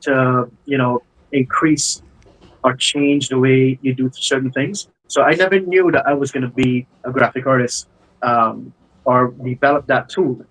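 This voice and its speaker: A man's voice: medium pitch, measured pace, fairly bright tone, low-quality recording. A man, a guest telling his life story in a casual interview over a video call, with many hesitations and fillers. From Barbados. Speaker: guest, business owner.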